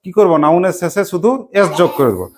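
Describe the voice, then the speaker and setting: A woman teacher runs a classroom grammar lesson in a lowish voice. She keeps the class engaged with constant questions and spells words out one letter at a time. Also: animated, fast, slight background noise. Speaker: English teacher.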